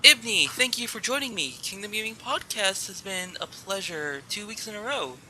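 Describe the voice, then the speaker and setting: A man's voice: sits high, expressive, moderate pace, pushed and bright. A young man hosting a casual gaming podcast, upbeat and chatty. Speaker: podcast host.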